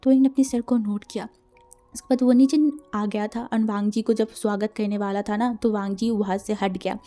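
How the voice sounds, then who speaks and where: A woman's voice: medium pitch, fairly even intonation, normal speed, mellow. A woman casually retelling a fan fiction story, mixing in English words and acting out the dialogue.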